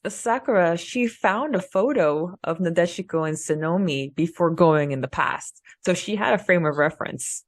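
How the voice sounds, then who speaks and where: A woman co-hosts a book discussion podcast, shifting between a partly read, prepared summary and conversational talk. Her voice is lowish and moves at normal speed with hardly any pauses, and there's no echo.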